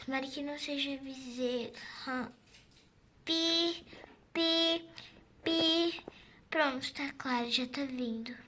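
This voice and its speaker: A woman's voice: high-pitched, little pitch movement, unhurried, few pauses, a bit bright. A young woman voicing a tired mother on a flight with a crying baby, sighing and weary. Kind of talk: game role-play voiced over.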